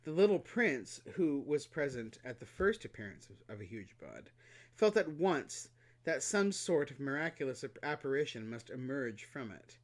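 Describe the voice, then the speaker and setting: A man reading a children's storybook aloud, expressive and animated, with playful asides. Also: mid-range voice, normal speed. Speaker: reader.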